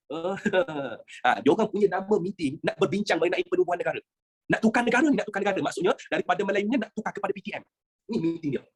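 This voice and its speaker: A history teacher with a husky, medium-pitched voice and a Malaysian accent delivers a lively lesson. She peppers students with rhetorical questions and mixes in English phrases.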